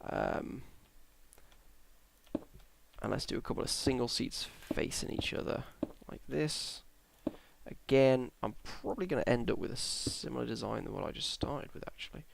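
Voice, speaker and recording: A tired young English man, a Minecraft YouTuber, yawns as he commentates his build in casual gameplay talk. His mid-range voice is creaky and moves at normal speed, with a little hiss or hum in the audio. He rambles, hesitates, and corrects himself as he goes.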